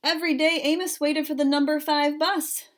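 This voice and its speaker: A woman reading a picture book aloud for children in an expressive, measured storytelling style. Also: sits high.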